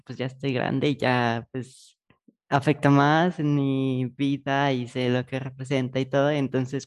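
A man hosting an interview, talking in a relaxed way with many fillers. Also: mid-range voice. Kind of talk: casual interview.

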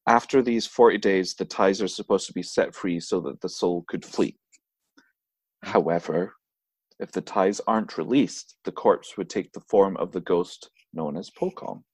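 A man with a lowish voice tells a story to his co-host in relaxed chat. He laughs often as he goes, and the sound is dry and close with no room echo. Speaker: podcast co-host. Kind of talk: casual chat.

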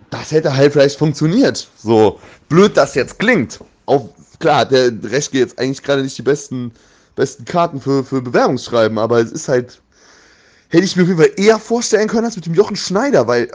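Male football fan pundit, medium pitch, informal and opinionated, grumbling bluntly in slangy, exasperated chat. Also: a little mellow.

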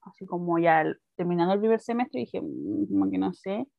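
A woman's voice: fairly low pitch, sing-song, fairly quick, vocal fry, no room sound. Young chilean woman, casual chat, laughs a lot, dry close sound, slightly dull audio. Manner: chatty, laughs often while telling. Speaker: guest.

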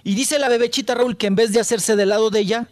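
A fast-talking man with a high, fairly even-toned voice spreads gossip on the radio, where he's a regular. He has a Mexican Spanish accent and a flamboyant, teasing style, often addressing others as "chiquito" in this comic chat.

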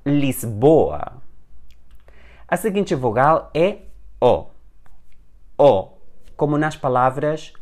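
A man teaching a language lesson, explaining patiently and repeating example words slowly and clearly. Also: a little high, lively intonation. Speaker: Spanish teacher.

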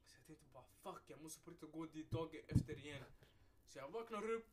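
Young man, podcast co-host, casual chat, animated storytelling, street slang and swearing, fairly high voice. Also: heavy background noise. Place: podcast recording room.

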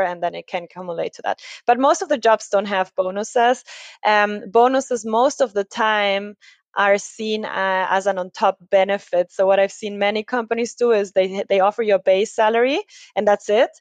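A woman's voice: mid-range voice, no room sound. A woman from Ecuador, a recruiting agency founder talking as a guest in a conversational podcast interview, explaining things with many tag questions and fillers.

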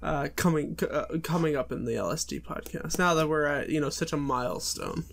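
A man's voice: fairly high pitch, a little fast, gravelly, a bit bright. A young man co-hosting a podcast, rambling in casual chat with lots of fillers. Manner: rambling, full of likes and ums. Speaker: podcast co-host.

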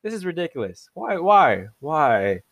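A young man giving casual reaction commentary, excitable and mocking, often laughing and jumping up in pitch in disbelief. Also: a little slow, no room sound, highs cut off. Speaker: online commentator.

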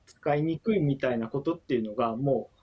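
A man's voice: medium pitch, fairly quick, breathy edge, lo-fi sound. A man who is a book author guest, speaking politely and hesitantly on a livestream with many fillers. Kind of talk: casual livestream chat.

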